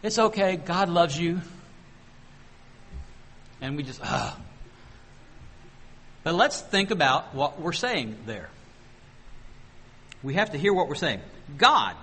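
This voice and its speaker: Animated preacher man in a reverberant hall. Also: a little high, breathy edge. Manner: animated, rhetorical questions, slows to read scripture aloud. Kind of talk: sermon.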